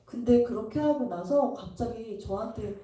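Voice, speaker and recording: A middle-aged woman shares her testimony from the front of a church, her voice mellow and a little high. She tells her story vividly and acts out the voices of the people in it. The sound carries a heavy echo, as if the mic is set back in a large hall. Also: normal speed. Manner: storytelling, acting out quoted dialogue. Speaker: pastor's wife giving a testimony. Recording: echoey hall, mic at a distance.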